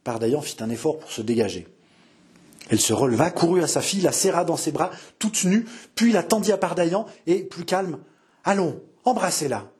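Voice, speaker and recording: Husky-voiced male storyteller. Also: on the high side, darkish tone. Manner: measured, dramatic storytelling. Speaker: audiobook reader. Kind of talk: scripted narration of a historical novel.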